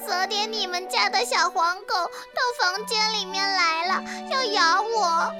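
A tiny sobbing baby gecko. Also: female voice, a little slow, over loud music. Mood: tearful, whimpering. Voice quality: squeaky, sniffling. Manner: whimpering, sobbing between phrases. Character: tiny crying baby gecko, timid and tearful. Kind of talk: children's storybook voice acting.

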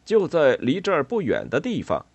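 A man reading a storybook voices a hearty male bat who talks loudly with news to share. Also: fairly high pitch, huge pitch swings, normal speed, no echo, pitched above the performer's own voice, exaggerated voice.

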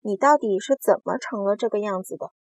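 A woman voicing a polite, curious small boy in a storybook reading, soft-spoken. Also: medium pitch, fairly quick, dry recording, studio quality, natural voice.

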